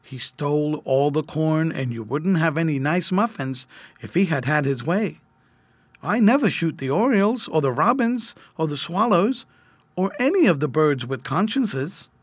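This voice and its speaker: A man's voice: on the high side, breathy edge, no room sound, heavily acted. A man voicing a kindly, fiery farmer toy man in a storybook, folksy and exclaiming.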